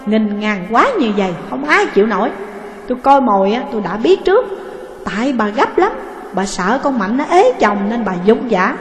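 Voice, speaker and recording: A woman voicing an angry older father who loudly scolds and gives orders in a storybook reading, in an echoey room with a long reverb. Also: a little high, very animated, moderate pace. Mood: scolding. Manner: shouting, scolding.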